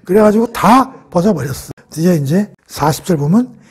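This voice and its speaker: A man teaching a Bible lesson in a lively storytelling way. His voice sits fairly high and has a husky edge. He keeps asking his listeners questions and then answers them himself. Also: moderate pace. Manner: lively storytelling, acting out quoted lines. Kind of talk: Bible study lecture.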